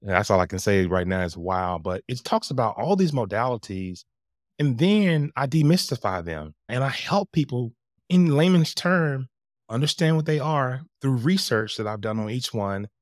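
A man with a low, magnetic voice, speaking as a podcast guest and coach in an animated, emphatic conversational storytelling style. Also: normal speed, dry recording, clean studio sound.

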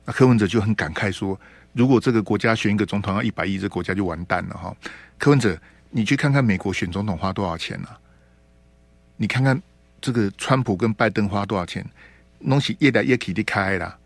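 A man's voice: on the low side, brisk, dry recording. A man from Taiwan hosting a political radio talk show, chatty and fond of tag particles. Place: radio studio. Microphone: studio mic.

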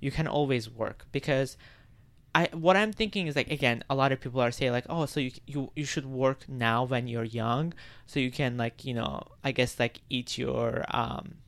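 A man's voice: medium pitch, normal speed, fairly bright tone, no room sound. A young man hosting a solo podcast, musing in a rambling, reflective way with many filler words. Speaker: podcast host. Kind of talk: casual solo podcast monologue.

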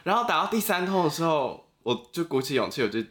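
A man's voice: a little high, fast talker. A young man with a Taiwanese Mandarin accent, a podcast guest telling a personal story with frequent laughs. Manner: animated storyteller, laughs often. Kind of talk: casual chat, storytelling.

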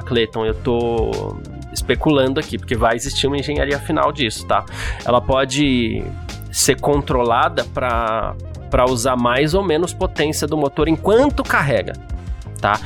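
A man with a Brazilian accent co-hosting a podcast, casually answering listener messages and thinking out loud as he explains. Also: medium pitch. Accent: Brazilian Portuguese. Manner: explains at length, hedging and speculating aloud. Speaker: podcast co-host.

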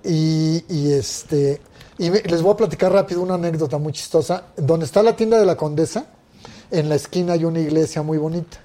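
Male interview guest, Mexican accent, animated raconteur, somewhat high register. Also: a little fast. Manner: lively storyteller who acts out the quoted speech of others. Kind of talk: casual interview anecdotes.

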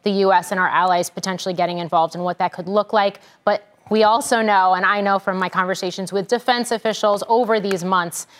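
An American female news anchor with a mid-pitched voice. She reports live in a measured, careful broadcast manner, as a business journalist would. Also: steady tone.

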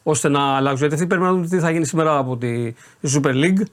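A man, a sports reporter on a casual radio talk show, explaining at length with restarts and hesitations. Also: on the high side.

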